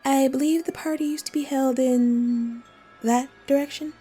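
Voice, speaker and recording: A woman voicing a teasing, riddling female cat from Wonderland in an audio roleplay, coy and playful with drawn-out, whimsical phrasing. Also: sits high, steady tone, mellow, faint music behind, close to an everyday voice. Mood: whimsically advising. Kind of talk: scripted audio roleplay addressed to the listener.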